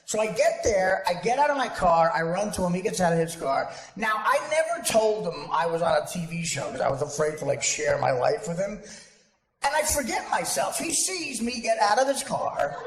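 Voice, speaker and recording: A man's voice: high-pitched, big pitch swings, brisk. A man telling a profane, self-mocking comic story on stage to a live audience, recorded in an echoey hall. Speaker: comedian. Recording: echoey hall with background noise.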